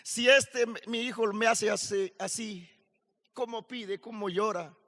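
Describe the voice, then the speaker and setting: A man preaching a sermon at a youth camp, slow and emphatic, building to shouted questions. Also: high voice. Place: large hall at a youth camp. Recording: long hall reverb.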